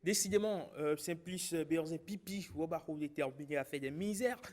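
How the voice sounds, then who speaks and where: A man's voice: a little high, moderate pace, a little mellow. A man with a Beninese French accent hosting a TV talk show in a joking, teasing way, with many fillers.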